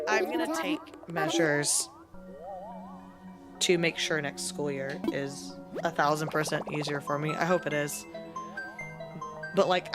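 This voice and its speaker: Sick, raspy-voiced woman streamer. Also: sits low. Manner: chatty, candid, clears throat often. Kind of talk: casual live-stream chat. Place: at home, near bed.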